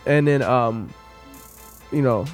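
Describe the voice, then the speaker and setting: A man's voice: mid-range voice, slow pace, soft background music. A young man, a musician guest, chatting casually and poking fun at himself as he tells his story. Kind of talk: casual chat.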